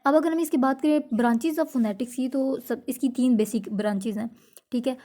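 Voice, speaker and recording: Mellow-voiced woman teacher explaining slowly. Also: high voice. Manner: explains in Hindi, slowly reads out English definitions, often checks in with listeners. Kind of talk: classroom lecture.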